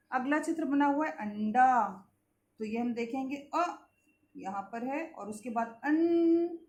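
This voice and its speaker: A woman teaches a children's Hindi lesson in a high, bright voice. She stretches out each syllable and repeats every point for her pupils. The recording carries a roomy echo. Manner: slow, drawn-out sounding of syllables and words; repeats key points, asks questions to the class.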